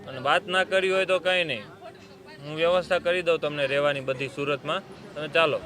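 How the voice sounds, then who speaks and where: A man, a social worker gently coaxing and explaining outdoors by a road. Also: a little high, fairly quick. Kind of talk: calm persuasion and explanation. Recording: outdoor traffic noise.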